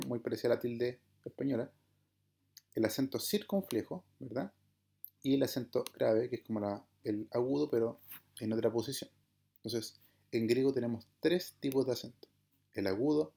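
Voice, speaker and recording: His voice dark and mellow at a mid pitch, a Greek teacher leads an online lesson, patiently walking through each point in turn. He repeatedly confirms understanding by asking "¿verdad?" and "¿bien?".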